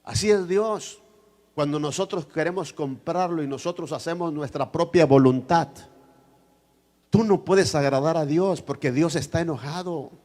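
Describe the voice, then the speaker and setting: Preaching from the pulpit, this male pastor swings between shouting and quiet asides, performing the voices of those he quotes. His pitch runs on the high side at a normal speed.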